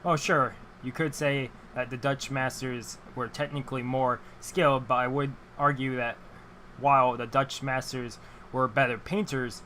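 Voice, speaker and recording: A man's voice: medium pitch, fairly even intonation, measured pace, bright, forceful tone, a little hiss or hum. A man voicing an earnest, argumentative art-snob dad in a game read-aloud, with a fan running. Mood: earnest, exasperated.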